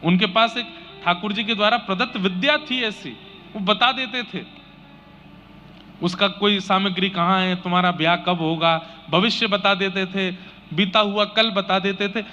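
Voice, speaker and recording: Brief: male katha preacher, high bright voice, emphatic and repetitive, a bit lo-fi. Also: normal speed. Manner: animated, emphatic, repeats phrases. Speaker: devotional storyteller. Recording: slightly dull audio with faint noise.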